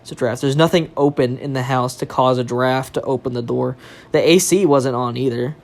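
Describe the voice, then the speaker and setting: A young adult podcast storyteller, animated and loose, dropping swear words and laughing along. The voice is mid-pitched, and the delivery is casual chat. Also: moderate pace, gravelly. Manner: animated, swears freely, laughs while telling.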